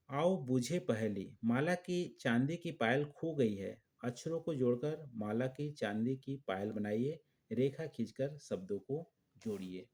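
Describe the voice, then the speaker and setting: A male teacher works through a children's textbook lesson, speaking slowly and deliberately. He repeats phrases and checks in with short questions. He speaks at a middle pitch. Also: a little mellow. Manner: slow and repetitive, checking with frequent questions. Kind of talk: explaining a school textbook lesson.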